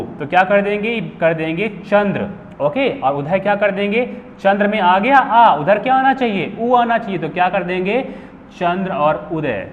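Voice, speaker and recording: High-voiced man teaching in an echoey room. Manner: repeats questions and answers them himself. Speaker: Hindi grammar teacher. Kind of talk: classroom lesson. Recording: phone-like hall echo with faint hiss.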